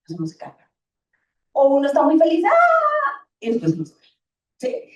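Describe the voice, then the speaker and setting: A woman gives a parenting talk to a roomful of parents. Her voice sits high and mellow. She picks up every few lines to act out what parents and children say. She is heard from a distance in an echoey hall. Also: brisk, dull audio. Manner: lively, animated, acts out children's and parents' lines. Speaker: school talk speaker for parents. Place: hall or gym. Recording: echoey room, voice from far off.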